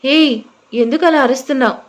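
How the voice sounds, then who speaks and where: A woman's voice: high-pitched, a little fast, close to an everyday voice. Brief: smug teasing young husband, read by a woman narrator.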